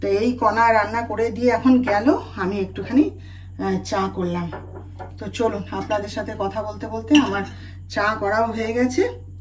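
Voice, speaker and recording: A woman's voice: medium pitch, steady tone, measured pace. A middle-aged woman chatting to her viewers in a homely family vlog, telling stories from her kitchen. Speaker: family vlogger. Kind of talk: casual home vlog chat. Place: home kitchen. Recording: slightly distant mic, faint room noise.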